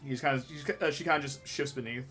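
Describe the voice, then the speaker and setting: A man's voice: mid-range voice, very fast, fairly bright tone. A man narrating a tabletop role-playing game as game master in a casual, conversational, improvised way. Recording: faint music behind the voice.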